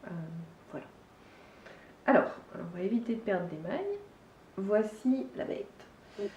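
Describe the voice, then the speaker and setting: A woman's voice: mid-range voice, very animated, a little slow, a little mellow, slight background noise. Chatty French woman, knitting vlog. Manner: chatty, hesitant, many fillers and restarts. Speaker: knitting vlogger. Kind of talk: casual chat. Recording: dull, echoey room from far off.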